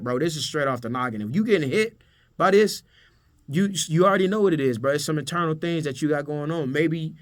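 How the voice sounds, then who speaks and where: Brief: male business coach, a bit high-pitched, street slang, repeats himself, hypes the viewer. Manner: casual slangy, emphatic, repeats words, addresses viewer as bro. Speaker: photo booth business owner and coach. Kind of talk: motivational business talk.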